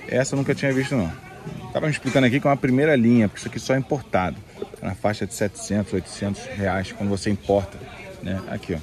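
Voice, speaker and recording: Strolling a busy outdoor flea market, a game-hunting vlogger talks to his audience in relaxed slang as he films himself on a handheld phone. His voice sits in the mid range with some vocal fry, and crowd chatter from the street market fills the background.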